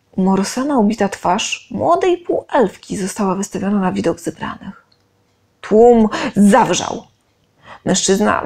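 A woman narrating a fantasy fan story aloud with expressive storytelling. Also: mid-range voice, gravelly. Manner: expressive storytelling, acting out the characters.

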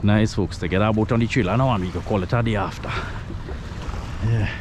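A man's voice: fairly low pitch, fairly quick. Trinidadian man narrating his fishing trip. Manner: chatty, excitable, creole phrasing. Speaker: fishing vlogger. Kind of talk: casual running commentary. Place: outdoors on a small boat at sea. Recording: noisy outdoor water and wind.

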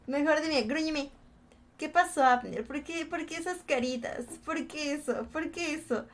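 A woman's voice: high-pitched, unhurried, a little hiss or hum. A young Mexican woman streaming a mobile shooter, chatting playfully with her viewers, teasing them and greeting them with pet names. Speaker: game streamer. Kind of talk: live-stream chat while gaming.

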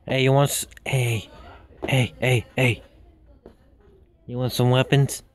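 A young person chatting casually during a game, blunt and teasing, with casual swearing. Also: female voice, a bass voice, level tone, slow pace. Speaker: gamer. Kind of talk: casual gameplay chat.

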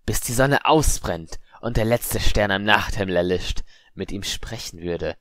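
A man putting on a cold, menacing voice that speaks from the shadows, hissing each word slowly and deliberately. It sits rather low, recorded close and dry in an audiobook reading. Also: no room sound. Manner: slow, hissing, quietly threatening. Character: eerie unseen whispering voice, cold and menacing.

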